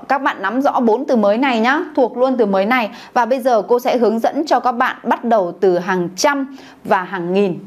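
A woman teaching a beginners' Chinese class, asking the class questions and having them repeat words aloud. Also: fairly high pitch. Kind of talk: classroom language lesson.

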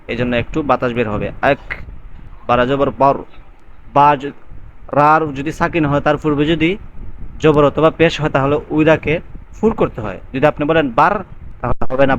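A man teaching the call to prayer, explaining pronunciation rules and chanting the words slowly and drawn out. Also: medium pitch. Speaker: azan teacher. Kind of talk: recitation lesson. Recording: dull lo-fi sound, faint background noise.

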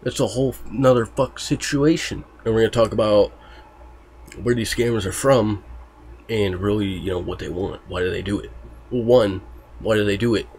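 Low-voiced man cursing casually. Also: fairly even intonation, moderate pace, a little mellow, slight background noise. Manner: loose and profane, full of fillers. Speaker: YouTuber warning about online scams. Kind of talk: casual talk to camera.

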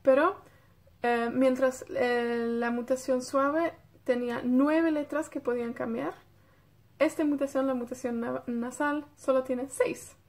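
North welsh lady teaching beginners, talks slow and careful, keeps asking ok?. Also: high voice, steady tone. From Wales. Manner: patient, checks in with "¿ok?" and drills words slowly. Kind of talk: beginner language lesson in Spanish.

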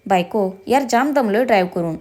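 A woman's voice: mid-range voice, animated, brisk, darkish tone, lightly acted. Playful teasing young husband, as a woman reads him. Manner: teasing, joking.

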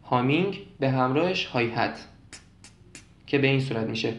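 A young man calmly explaining beatbox technique step by step, repeating points and demonstrating as he goes. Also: mid-range voice, echoey room. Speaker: beatbox teacher.

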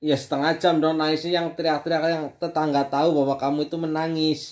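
A man, a father filming a home video and gently teasing his daughter. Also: fairly high pitch, flat delivery. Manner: teasing, coaxing, slow-spoken. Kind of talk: casual family home video.

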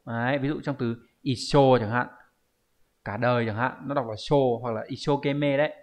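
A man's voice: mid-range voice, fairly even intonation, normal speed. A man teaching an online lesson with a Vietnamese accent, explaining exam answers and often asking the viewers to confirm. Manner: explanatory, asks rhetorical checks often. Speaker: Japanese teacher.

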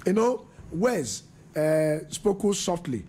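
A man's voice: high-pitched, big pitch swings, takes it slowly, warm tone, slightly rough. A man, a radio panelist chatting about relationships in Pidgin, laughing often and restarting his sentences. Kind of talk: casual radio discussion in Pidgin.

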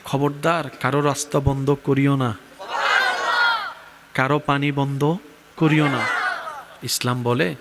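A man preaching a sermon, building to shouted peaks and calling on the crowd to answer him. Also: mid-range voice, flat delivery, takes it slowly, pauses often. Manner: rousing, swings to shouted climaxes. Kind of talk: sermon with crowd call-and-response. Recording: loud crowd and heavy noise at a religious gathering. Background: large crowd.

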